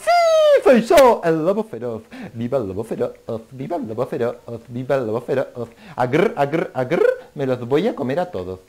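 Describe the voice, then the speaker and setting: A woman's voice: very deep voice, huge pitch swings, normal speed, darkish tone, exaggerated voice. Lady doing the big bad wolf puppet, growly n greedy, voice jumps all over. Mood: boastful. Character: hungry boastful male big bad wolf. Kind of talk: children's puppet theater.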